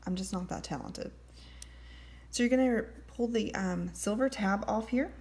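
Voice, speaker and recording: Explaining a manicure step by step, this nail product demonstrator speaks at a moderate pace in a mid-range, darkish voice. Her tone is casual and friendly, with plenty of fillers like "um."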